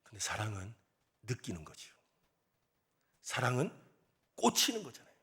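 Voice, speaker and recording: A man's voice: medium pitch, wildly swooping pitch, moderate pace, a bit bright, breathy edge. A male pastor preaching a sermon in a church, telling a story with animation and asking the congregation rhetorical questions. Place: church sanctuary.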